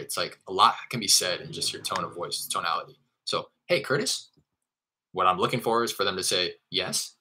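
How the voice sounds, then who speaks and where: A man's voice: low-pitched, pushed and bright. A man casually explaining his cold-calling routine in a live tutorial, loose and chatty with the odd curse. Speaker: real estate wholesaler teaching cold calling. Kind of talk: live screen-share tutorial.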